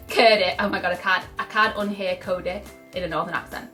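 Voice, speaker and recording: A woman's voice: medium pitch, fairly even intonation, moderate pace, pushed and bright, soft background music. A young woman chatting casually to camera as a vlogger, bubbly and gushing, with lots of "like" fillers.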